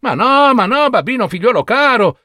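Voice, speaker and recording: A man's voice: very high-pitched, sing-song, normal speed, bright, forceful tone, dry recording, clean studio sound, pitched above the performer's own voice, exaggerated voice. A man voicing an exasperated, doting peasant mother who chides her foolish son. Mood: scolding. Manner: chiding, exclaiming.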